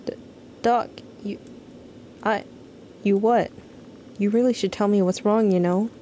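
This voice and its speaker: A woman's voice: medium pitch, steady tone, a little slow, mellow, slight background noise, natural voice. A woman voicing a timid, worried young video game character with a hesitant, stammering delivery. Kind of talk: reading game dialogue aloud.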